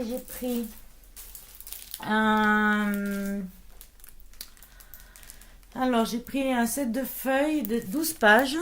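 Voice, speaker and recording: Slow-talking woman unboxing crafts. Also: medium pitch. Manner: chatty, hesitant, many fillers and restarts. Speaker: scrapbooking vlogger. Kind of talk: casual haul unboxing.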